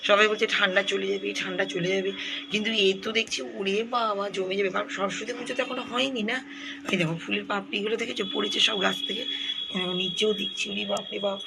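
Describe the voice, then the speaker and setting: A woman with a gravelly, slightly hoarse voice talks casually to her viewers while filming outdoors on a phone. She keeps pointing things out as she chats. Clear outdoor noise sits behind her voice. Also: mid-range voice, steady tone, quick pace. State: voice a little hoarse. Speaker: lifestyle vlogger. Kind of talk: casual vlog to camera. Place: outdoors on a foggy rooftop and yard. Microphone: handheld phone camera.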